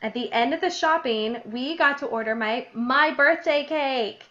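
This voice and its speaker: Host: young woman, slightly high voice, giggly diary-reading chat, dull lo-fi sound. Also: measured pace. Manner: giggly, animated, laughs often between readings. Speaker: podcast host. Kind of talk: casual chat reading her childhood diary. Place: lives in New Jersey, grew up in Illinois. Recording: dull lo-fi podcast audio.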